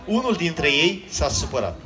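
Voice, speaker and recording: A man's voice: on the high side, wildly swooping pitch. A man, a children's magician, telling a comic story on stage and teasing the audience. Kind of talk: live comedic storytelling to a crowd. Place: outdoor stage at a water park. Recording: noisy live crowd.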